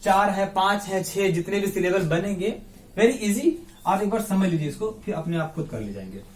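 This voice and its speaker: A man teaching English grammar in a classroom-style lesson. He breaks words into syllables slowly, repeats them, quizzes his listeners and calls them his brothers. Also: high voice, expressive, darkish tone, far from the mic. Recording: echoey room, voice off the mic.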